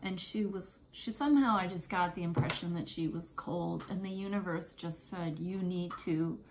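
A podcast host, a woman, tells a heartfelt personal story in a halting, emotional way and stops now and then to collect herself. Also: on the low side, noisy background.

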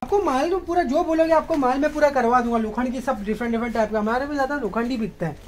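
A man in his thirties, a shop owner, rattling off his stock and prices in a casual sales pitch inside a cluttered warehouse. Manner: brisk, repetitive listing of wares. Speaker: gym equipment shop owner.

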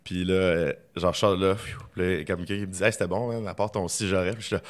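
A man with a Quebec French accent talks fast in a low voice. He tells loose, rambling stories stuffed with fillers. It is a relaxed podcast chat. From Quebec, Canada. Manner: rambling anecdotes full of fillers. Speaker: podcast guest, film director. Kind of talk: casual chat.

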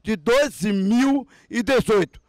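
A man, reporting loudly outdoors at a market site on a handheld mic, excitable and shouting. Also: sits high, slow, dry recording. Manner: excitable, shouting, preacher-like exclamations. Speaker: street reporter and host. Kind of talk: loud street reporting.

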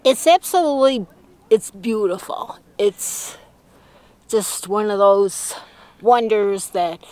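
A middle-aged woman chatting casually as a travel vlogger outdoors, talking conversationally with small pauses and restarts. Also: medium pitch. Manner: warm, conversational, a little halting. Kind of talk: casual chat. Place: outdoors on a sunny open sand flat. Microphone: selfie camera at arm's length.

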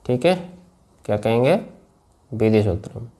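Slow deep-ish guy teaching grammar to a class, mellow tone, keeps repeating things and asking if they got it. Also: lively intonation, slight background noise. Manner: slow and repetitive, drills phrases and checks understanding. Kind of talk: classroom lecture with questions to students.

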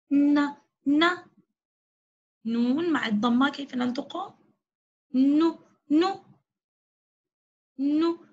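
A kindergarten teacher with a high voice leads an online phonics lesson for young children, drawing out each sound and spelling syllable by syllable. She praises often, and the video call audio sounds dull and lo-fi.

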